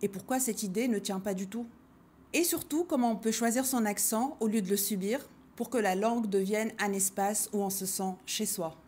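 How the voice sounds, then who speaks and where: A woman hosting a language-learning video, talking to the camera in a measured, reflective way and posing rhetorical questions to her viewers. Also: mid-range voice, darkish tone. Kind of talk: reflective scripted talk to camera.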